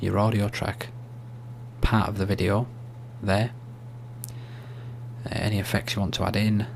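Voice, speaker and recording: A soft-spoken man giving an ASMR-style screen tutorial, explaining steps in a hushed, unhurried, informal way. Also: on the low side, flat delivery, creaky. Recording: faint hum and background noise.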